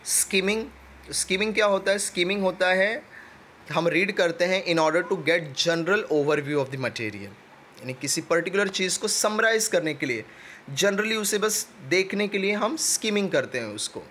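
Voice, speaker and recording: A man teaches an exam-prep lesson in a fairly high voice. He explains step by step and slows down to read definitions word by word. A faint hiss sits under the recording. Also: animated, pushed and bright. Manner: explains step by step, reads English definitions slowly.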